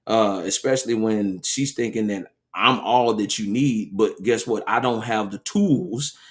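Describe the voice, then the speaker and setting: A man with a Southern American accent co-hosting a podcast, telling a story in a loose, animated way and laughing often. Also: on the low side, measured pace. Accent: Southern American English. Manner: animated storyteller, laughs often, keeps saying "you know what I'm saying". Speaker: podcast co-host. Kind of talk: casual chat, storytelling.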